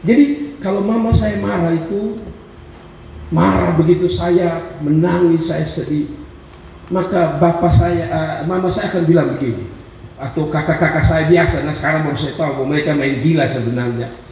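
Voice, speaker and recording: Animated preacher in an echoey hall. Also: male voice, moderate pace, gravelly. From Rote, eastern Indonesia. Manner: animated storytelling preacher, swings high and loud in acted quotes. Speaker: pastor. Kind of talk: sermon. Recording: echoey hall from far off, faint noise.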